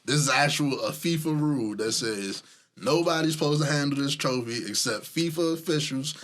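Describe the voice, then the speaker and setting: A man's voice: a little high, moderate pace. A young man co-hosting a podcast in casual chat, telling stories bluntly with plenty of slang. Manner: relaxed storytelling, slangy, blunt. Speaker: podcast co-host.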